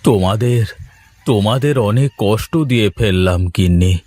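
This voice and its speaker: A man voicing a poor injured husband who speaks gently and apologetically in a cartoon story. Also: on the low side, moderate pace, lightly acted. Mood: weary. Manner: weary, gentle. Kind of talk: animated cartoon voice acting.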